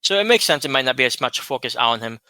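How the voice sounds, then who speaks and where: Clear, measured male co-host. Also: medium pitch, lively intonation, sharp tone, no echo. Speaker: podcast co-host. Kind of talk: casual chat.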